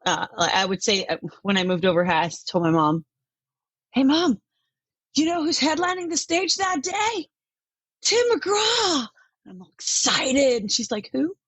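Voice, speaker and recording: Middle-aged woman from Denmark, husky mid voice, dry close recording, lively interview guest. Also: sits high, measured pace, no echo. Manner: chatty and animated, laughs often. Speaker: country music artist, guest. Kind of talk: casual interview talk.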